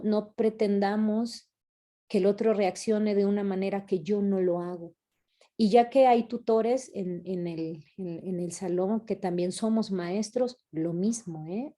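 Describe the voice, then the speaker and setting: A woman speaks in a very dark, mellow voice at a middling pitch. She lectures parents at an online conference in a conversational way, often tagging her points with a questioning "no?". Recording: online video call talk.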